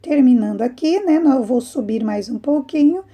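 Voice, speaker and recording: A woman's voice: high-pitched, animated, normal speed, highs cut off. A woman, a primary school teacher giving a remote lesson to young children, explaining patiently with rising prompts.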